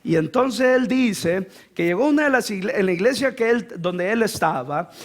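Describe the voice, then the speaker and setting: Male pastor, very high voice, fervent sermon delivery with shouted peaks. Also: expressive, moderate pace. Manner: fervent preaching that swells into shouting, with rhetorical questions.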